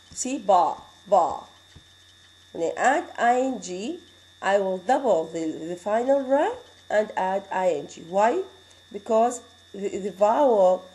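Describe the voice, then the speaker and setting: A woman with an Arabic accent teaching English spelling rules, explaining slowly and repeating each example word. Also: medium pitch, mellow, rough recording. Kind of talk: classroom lecture.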